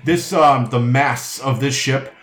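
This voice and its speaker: A man's voice: mid-range voice, slow, a bit bright. A man running a tabletop game as game master, explaining things casually and feeling his way through the phrasing. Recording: echoey room with background music.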